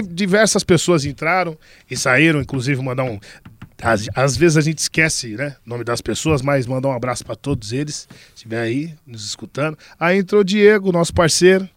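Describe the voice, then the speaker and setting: A man's voice: fairly high pitch, dry recording. A man from a samba band, talking casually in an interview, chatty and jokey with many fillers and repeated words. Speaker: band member.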